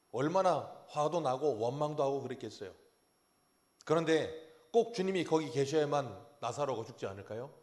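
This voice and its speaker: A man preaching a Sunday sermon as pastor, telling Bible stories with acted quotes and questions to the congregation. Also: fairly high pitch. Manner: animated storytelling, acting out biblical quotes and asking the congregation questions. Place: church sanctuary.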